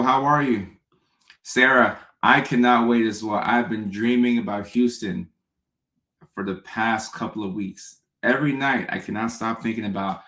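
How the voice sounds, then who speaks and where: A Ghanaian comedian chats casually with live-stream viewers, greeting them by name and often repeating himself. His lowish voice is gravelly yet fairly bright, and the room sounds echoey.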